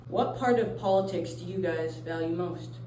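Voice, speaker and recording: A woman's voice: lowish voice, normal speed, dark tone, natural voice. A teenage girl playing an interview show host in a school role-play, reading scripted questions plainly. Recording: roomy, distant mic, noisy.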